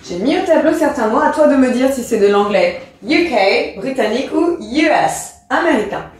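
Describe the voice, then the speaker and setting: A woman's voice: sits high, expressive, normal speed. A woman explaining an English lesson to a pupil, patient, spelling letters out and speaking to the child as "tu". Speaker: teacher. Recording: echoey room from far off.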